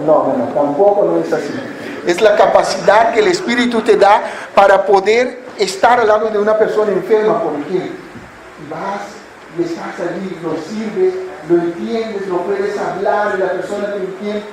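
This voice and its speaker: A man with a high voice delivers a Sunday sermon in an echoey church hall, with a faint hiss behind him. He quizzes the listeners and answers his own questions. Now and then he drops into a mocking voice to act out a wrong attitude. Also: normal speed. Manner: asks the congregation questions and answers them himself. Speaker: preacher.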